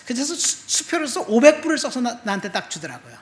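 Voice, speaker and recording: A middle-aged male pastor preaching a sermon, telling a personal testimony and moving between soft asides and loud emphatic appeals. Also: very high-pitched, huge pitch swings, quick pace. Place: church sanctuary. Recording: echoey church room.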